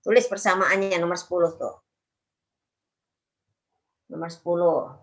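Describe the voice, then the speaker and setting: A woman's voice: on the low side, fairly even intonation, measured pace, fairly bright tone. Woman lecturer quizzing her students. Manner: questioning, prompts students to write and answer. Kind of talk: university lecture on time series.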